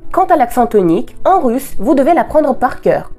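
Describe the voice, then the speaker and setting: A woman from Russia, a native Russian speaker, giving a scripted language lesson and slowing down to pronounce example words with care. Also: high voice, big pitch swings, warm tone, faint music behind. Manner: clear, deliberate teaching, slowing to model example words. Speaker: language teacher.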